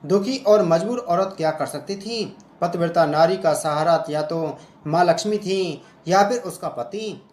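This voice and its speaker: A man narrating a devotional fasting story in an emotive, measured way. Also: sits high, a little mellow, reverberant, a little hiss or hum.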